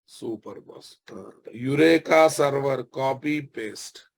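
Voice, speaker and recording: Male, Telugu Indian accent, mid-pitched, software instructor, informal lecture, repetitive phrasing, frequent check-in questions. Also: slow pace, creaky. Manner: repeats phrases and checks understanding with tag questions.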